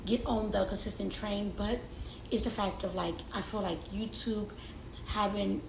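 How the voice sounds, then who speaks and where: Her voice is mid-range and steady, a little slow, as this young adult lifestyle vlogger talks to camera in a casual, confiding way, repeating words to stress them. Roomy echo and clear background noise mark the recording.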